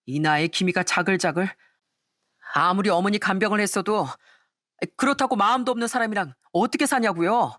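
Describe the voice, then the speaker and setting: A woman's voice: medium pitch, a little fast, fairly bright tone, no room sound, close to an everyday voice. Lady reading a cold rude husband, curt and pushy, dry close read. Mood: defiant. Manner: curt, defiant. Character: callous middle-aged husband, rude and defiant.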